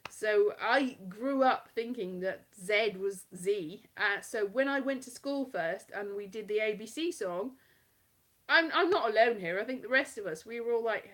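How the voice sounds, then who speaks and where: Speaking at normal speed in a mid-range voice, a Welsh comedian from South Wales chats on a live stream from her home kitchen. Her accent carries a light West Country tinge, she performs at a festival, and her talk is casual, rambling and self-mocking.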